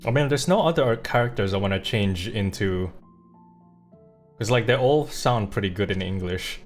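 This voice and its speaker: A man's voice: on the low side, moderate pace, faint music behind. A young man giving casual, rambling, slangy live commentary as a game streamer.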